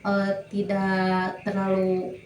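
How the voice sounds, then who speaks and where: Woman teacher, earnest, halting explanations, roomy echo, faint background hiss. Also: medium pitch, completely flat delivery, a little mellow. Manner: earnest, explains with examples and hesitations. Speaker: teacher being interviewed. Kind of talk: casual interview conversation. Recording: echoey room with faint noise.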